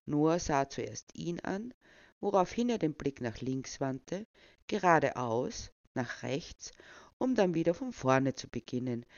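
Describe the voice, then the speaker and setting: A man reading a novel aloud as narrator, even and measured. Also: a little high, no room sound, lo-fi sound. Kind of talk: audiobook reading.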